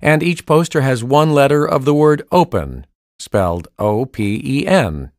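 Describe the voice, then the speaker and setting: A man voicing the male parts of a school listening test with clear, evenly paced delivery. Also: medium pitch, animated, unhurried, dry recording. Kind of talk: scripted test dialogue reading. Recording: dry studio recording.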